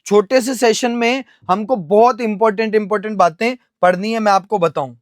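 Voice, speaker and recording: High-voiced Indian man teaching vocabulary. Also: dry recording, studio quality. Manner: explains step by step, asks and answers his own questions; spells words out slowly letter by letter. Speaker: English teacher. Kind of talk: classroom vocabulary lesson.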